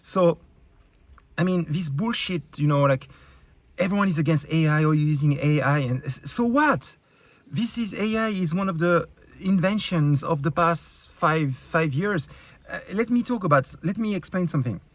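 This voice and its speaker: There's no room sound as a YouTube creator from France, speaking with a French accent, vents angrily at his viewers. His pitch is fairly high and his pace moderate; the animated rant is blunt, heated, and full of curses, fillers, and restarts.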